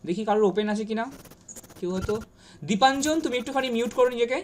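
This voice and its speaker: A Bengali-accented woman teaching an online spoken-English class, repeating each word slowly and with emphasis. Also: a little high, slight background noise. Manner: drills pronunciation by repeating words slowly and emphatically.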